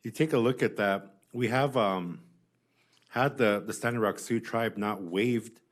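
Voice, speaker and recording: Man, low pitch, hearing witness, earnest, insistent, halting phrases. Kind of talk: spoken testimony, answering questions.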